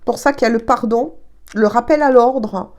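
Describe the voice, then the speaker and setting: A woman's voice: fairly high pitch, normal speed, a little mellow. A woman giving a casual, chatty tarot reading, hesitant and congested from allergies. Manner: chatty, hesitant, peppered with "hein". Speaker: tarot card reader.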